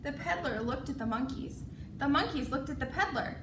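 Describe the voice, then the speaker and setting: A woman storyteller reading aloud for children in a broad, singsong kids' theatre style, expressive and deliberate. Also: high voice. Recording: echoey room, distant mic, noisy background.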